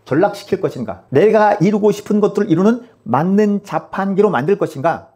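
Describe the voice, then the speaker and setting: Fast-talking male pastor preaching. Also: a little high, mellow. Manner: emphatic, rhetorical questions to the congregation. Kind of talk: sermon.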